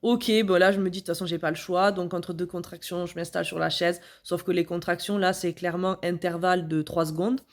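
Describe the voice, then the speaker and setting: A woman's voice: lowish voice, flat delivery, brisk, few pauses. A young woman vlogger casually and dramatically retelling her own birth story, acting out her thoughts.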